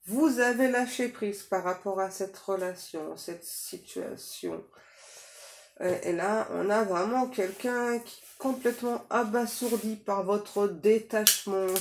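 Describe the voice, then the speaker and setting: Chatty woman giving a psychic reading. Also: medium pitch. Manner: chatty, full of fillers and tag questions. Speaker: psychic reader. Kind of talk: casual tarot reading to viewers. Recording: echoey room, faint noise.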